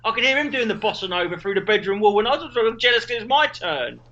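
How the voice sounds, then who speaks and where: A man co-hosting a casual comedy chat over a call, excitable and sweary, with a voice that leaps up and down. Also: high-pitched, fast talker, dull audio. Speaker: podcast co-host. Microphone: remote call.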